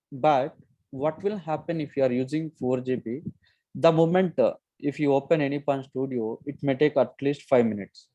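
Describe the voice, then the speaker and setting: A man with a Telugu accent giving an informal live online software lesson, explaining step by step and often checking in with "okay". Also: on the high side, no room sound. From Telugu-speaking region of India. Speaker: software trainer.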